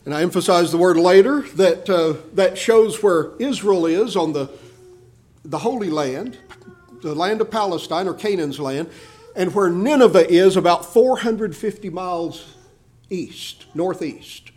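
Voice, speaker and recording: A man preaching a sermon, expressive, swinging from emphatic rising lines to quiet asides. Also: sits high, a little slow.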